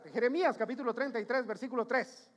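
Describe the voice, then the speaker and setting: A man's voice: very high-pitched, steady tone, quick pace. A man preaching a sermon as pastor, emphatic, repeating his points and questioning the congregation.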